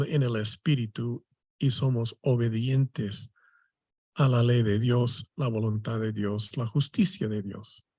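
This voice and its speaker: A man leading a Bible study, teaching slowly with many restarts and questioning tags. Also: mid-range voice, a little mellow, no echo, studio quality. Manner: slow, halting, many restarts and "¿verdad?" tags.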